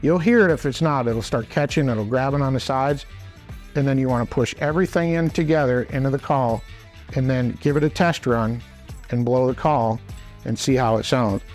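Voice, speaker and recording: A man's voice: medium pitch, normal speed, darkish tone, faint music behind. A man instructing in a plain-spoken, practical way, explaining step by step in a conversational demonstration style. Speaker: instructor, hunting call expert.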